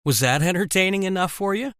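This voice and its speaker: A man voicing a defiant young woman, a wife secretly working as a spy, in an animated story. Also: a little high, brisk, dry recording, clean studio sound, voice pushed up. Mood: urgent. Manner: pleading then defiant.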